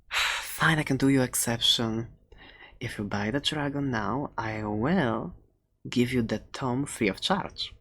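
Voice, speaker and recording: Here a furry animal shopkeeper is brought to life in an ASMR roleplay, the delivery quiet, faltering and often near a whisper, loving but edged with menace. Pitched at a medium level, the voice sounds coaxing and friendly.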